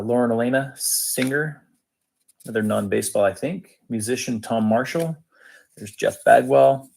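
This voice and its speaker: A man's voice: medium pitch, vocal fry. A man hosting a sports card break, reading out cards in casual, matter-of-fact, clipped phrases.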